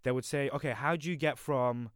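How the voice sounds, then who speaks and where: A young man talks quickly and freely as a podcast co-host, wandering through his points and correcting himself as he goes. His voice is smooth and clear. The recording is dry and close. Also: medium pitch, fairly even intonation, no echo. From London, United Kingdom. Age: young adult. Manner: chatty, rambling, self-correcting. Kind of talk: casual podcast chat.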